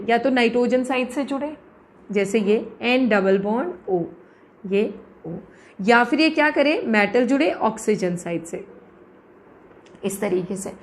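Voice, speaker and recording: High-voiced woman teaching chemistry. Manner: asks questions and answers them herself, calls students "beta". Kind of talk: lecture.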